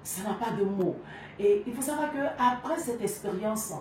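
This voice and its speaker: A woman's voice: medium pitch, lively intonation, a little slow, a little mellow. A woman giving an earnest, emotional personal testimony with intense, heartfelt delivery. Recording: very echoey, from far off, faint noise.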